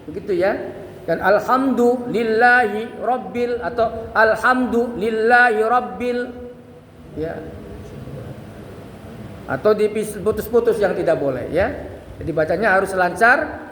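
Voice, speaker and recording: A man teaching Quran recitation rules, patiently explaining and chanting examples slowly. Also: sits high, animated, a little hiss or hum. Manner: patient, repeats points with many "ya" tags, chants examples slowly. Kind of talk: tajwid lesson with sung demonstrations. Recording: echoey room with long reverb.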